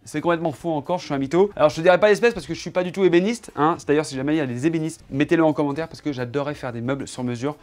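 A man with a voice pitched a touch high talks to camera in loose, joking chat. He shows off his new setup from his home office indoors. He keeps up a playful, teasing back-and-forth with his cameraman. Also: racing, hardly any pauses, darkish tone. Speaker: YouTuber showing his desk setup.

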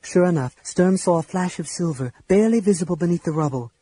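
A man narrates a fantasy saga as an audiobook, his voice mellow and a touch husky. He sits a little higher than most men and swings between shouted lines and near-whispers as the story moves. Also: animated, fast, no room sound, low-quality recording. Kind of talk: dramatic audiobook reading.

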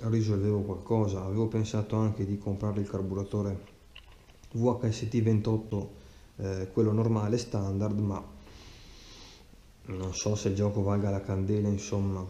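A man with a lowish, warm voice and a level tone talks at normal speed about his motorcycle in a casual unboxing vlog. He rambles hesitantly, full of fillers and restarts, recorded hands-free in a cluttered garage at night. The indoor sound is dull and roomy with faint hiss.

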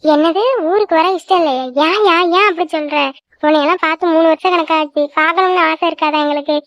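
A caring village aunt, voiced by a woman, coaxes and insists in a very high, fast cartoon voice. The recording is dry and somewhat dull. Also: steady tone, fairly bright tone, no echo. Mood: coaxing. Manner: coaxing, insistent. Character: caring middle-aged village aunt, persuasive. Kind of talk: cartoon voice acting.

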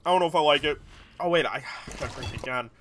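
Fast and a bit bright, a young man's fairly high voice carries casual gameplay commentary for viewers from a small room at his gaming setup. As a gaming video creator, he rambles and repeats himself tipsily, and the audio has a little hiss or hum.

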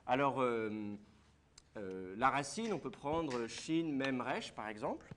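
A man's voice: medium pitch, animated, slow, a little hiss or hum. A man teaching a class, explaining step by step and putting questions to his students. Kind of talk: classroom lecture.

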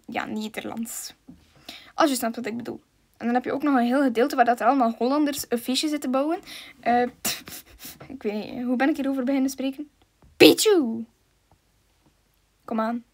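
A woman with a Flemish accent giving casual gameplay commentary, chatty, giggly and rambling. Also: a little high. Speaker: gaming video maker.

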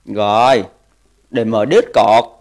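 A man's voice: fairly low pitch, slow pace, darkish tone. A man live-streaming a game, bantering crudely and jokingly with his viewers. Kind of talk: casual live-stream chat.

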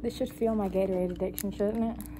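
A woman's voice: medium pitch, fairly even intonation, fast talker. A young woman chatting casually and exclaiming as a student vlogger in a large indoor room. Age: young adult. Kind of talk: casual chat. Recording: noisy room ambience, camera mic.

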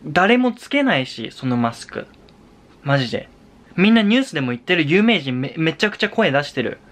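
A man's voice: fairly high pitch, big pitch swings, a little fast, a bit bright. A young man from Japan, a vlogger and language tutor, talking in a casual, exasperated way and repeating himself, now and then breaking into English swearing. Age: young adult. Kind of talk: casual vlog rant.

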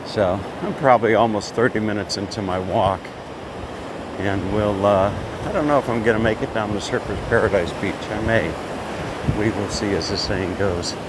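An older American man walks along a beach and chats into a phone held at arm's length, rambling in an upbeat way. His voice sits on the low side. Loud crashing surf and wind roar behind him. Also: moderate pace. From United States. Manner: rambling, upbeat, with many restarts. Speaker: vlogger giving a walking tour. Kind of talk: casual walk-and-talk commentary. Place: outdoors on an open beach at sunrise. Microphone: phone held at arm's length while walking.

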